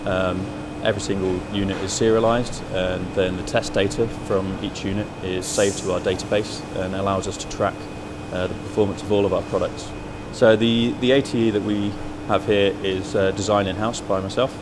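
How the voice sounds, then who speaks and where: A man's voice: low voice, level tone, moderate pace, hardly any pauses. A man in his thirties, an engineer, explaining his test system in a lab, hesitant with many fillers. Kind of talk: unscripted explanation. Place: electronics lab, indoors. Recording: factory noise behind.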